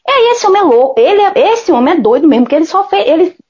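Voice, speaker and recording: Rapid-fire and very high-pitched, a woman singer from Salvador, Brazil animatedly relates a story in casual talk, mimicking the voices of those involved and swearing freely. The recording is dull and lo-fi.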